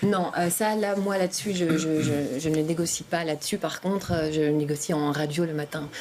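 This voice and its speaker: A woman's voice: deep voice, steady tone, fairly quick, a little mellow, a little hiss or hum. A woman comedian interviewed on a talk show, answering hesitantly with many fillers and restarts. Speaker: comedian guest. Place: TV studio.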